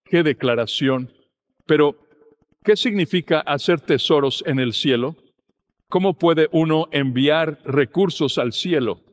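A man preaching a sermon, speaking in a steady, earnest teaching manner. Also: mid-range voice.

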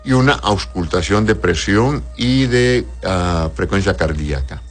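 A doctor with a deep, animated voice reads viewers' questions and answers them with plain advice at an unhurried pace, faint music in the background. He often ends with a questioning "¿verdad?"

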